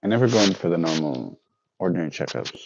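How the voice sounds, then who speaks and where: Here a man in his thirties talks fast and very animatedly in a low voice against a noisy background. He chats casually with his livestream viewers, rambling, correcting himself and reading chat aloud, all captured in dull, dry lo-fi audio.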